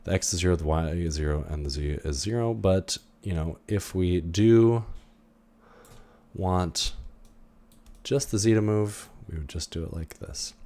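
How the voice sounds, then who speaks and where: Thinking out loud through a screen-recorded software tutorial, this male instructor stumbles through many fillers and restarts in a casual manner. He has a low-pitched voice and talks a little slowly.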